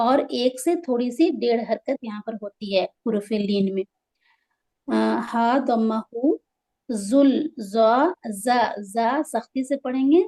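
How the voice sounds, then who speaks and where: A woman teaching Quran recitation. She spells out letters and vowel marks, chants verses slowly, and explains the rules quickly in between. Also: fairly high pitch, dark tone.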